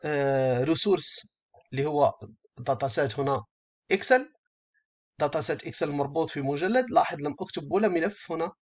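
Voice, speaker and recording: Walking through software one step at a time, this instructor talks in a fairly high voice, hesitating often and restating things in new words as he goes.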